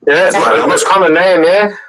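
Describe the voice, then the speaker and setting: A man's voice: high voice, moderate pace, over a noisy crowd. An Irish-accented man in casual, bantering group chat full of informal slang.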